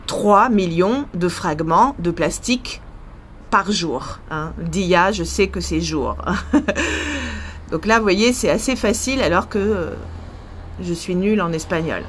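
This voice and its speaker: A woman's voice: fairly low pitch, animated, takes it slowly, slight background noise. A woman with a French accent, a language teacher thinking aloud in a casual vlog, hesitant and full of fillers.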